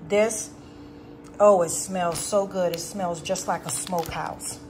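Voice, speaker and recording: A woman's voice: fairly low pitch, slight background noise. A woman chatting casually at home, showing her groceries and often correcting herself. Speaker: vlogger showing a grocery haul. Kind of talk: casual chat. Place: home, at a dining table.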